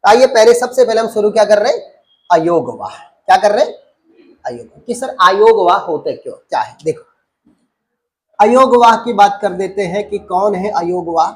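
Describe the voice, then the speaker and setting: A man's voice: high voice, normal speed. A man teaches a grammar lesson in a patient, drilling way. He keeps asking his students questions and answering them himself, and repeats each key term again and again. He calls them "beta". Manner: addresses students as beta and babu.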